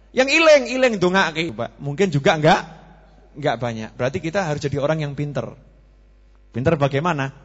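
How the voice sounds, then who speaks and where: A preacher with a Javanese accent delivers a joking sermon, often asking his listeners questions and mixing Javanese into his Indonesian. His man's voice sits on the high side. The recording is dull and lo-fi, with a long echo. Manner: joking, asks the audience questions. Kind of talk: sermon to a live congregation. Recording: reverberant, dull lo-fi hall recording.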